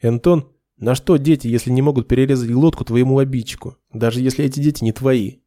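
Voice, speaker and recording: A man's voice: mid-range voice, steady tone, fast, mellow, dry recording, clean studio sound, close to an everyday voice. A man voicing a cool, blunt young sergeant who speaks in a cold, accusing way.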